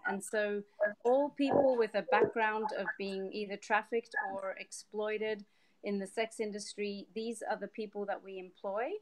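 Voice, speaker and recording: A woman's voice: medium pitch, background noise. A woman, explaining her social business earnestly and fluently over a live video call. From Switzerland, raised in Papua New Guinea. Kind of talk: interview answers on a live stream.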